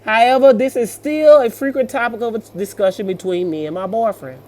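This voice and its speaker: This story-reaction show host is a middle-aged woman whose slightly mellow voice is on the high side, delivered at normal speed. Reading stories, she reacts in a colloquial, sassy, motherly, casual manner and keeps calling the listener "baby."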